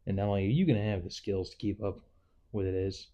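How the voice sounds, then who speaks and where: A man's voice: on the low side, quick pace, dark tone. A man talking candidly in a casual, rambling, reflective vlog monologue, like a nurse giving advice to newcomers.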